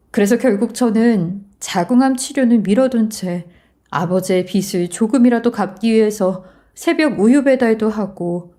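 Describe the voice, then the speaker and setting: A woman reading a scripted first-person story in a calm, confiding way. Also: mid-range voice.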